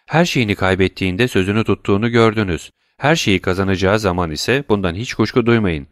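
A man's voice: lowish voice, fairly quick, no room sound, studio quality, natural voice. A man voicing a poised noble lady in a storybook. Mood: courteous. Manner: polite, probing questions. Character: poised noble woman, a prosecutor's wife.

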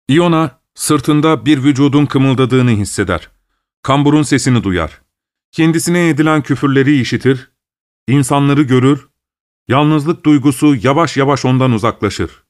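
A man narrating a short story as an audiobook in a calm, measured reading voice. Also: mid-range voice.

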